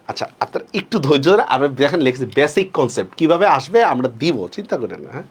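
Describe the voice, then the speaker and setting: A man teaching a class, who slows down to stress each rule and keeps asking his students whether they follow. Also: medium pitch, sing-song, slight background noise. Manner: asks students frequent check-questions; stretches words slowly when stressing rules. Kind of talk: online class lecture.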